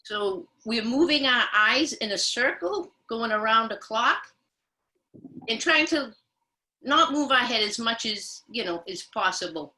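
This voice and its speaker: A woman guiding mindful movement as a yoga and meditation instructor, with a soothing, gentle manner and unhurried pauses. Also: on the high side, low-quality recording.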